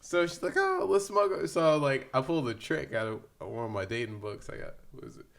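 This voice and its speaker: Laughing young man, gravelly voice. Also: medium pitch, animated, brisk. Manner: laughing, rambling anecdote with slang. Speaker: guest. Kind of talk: casual storytelling.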